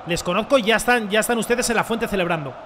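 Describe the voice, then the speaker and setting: A young man commentating his own football video game match, chatting in slang with viewers and shouting when goals come. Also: high-pitched, quick pace, background noise. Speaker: gaming streamer. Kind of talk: let's play commentary.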